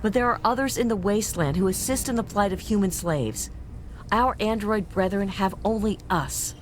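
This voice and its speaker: An actress playing a guarded, earnest woman of a secret liberation network in a video game, speaking in a measured way. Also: mid-range voice, a little hiss or hum, close to an everyday voice. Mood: earnest, conspiratorial.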